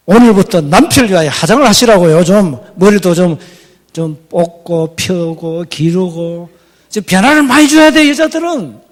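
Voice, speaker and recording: A middle-aged pastor, preaching a folksy, teasing sermon. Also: male voice, sits high, long reverb tail. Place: church hall.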